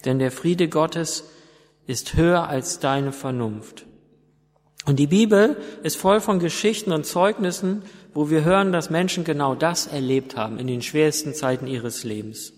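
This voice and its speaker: A man preaching a sermon, retelling stories slowly and emphatically with dramatic pauses. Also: on the high side. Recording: long hall reverb.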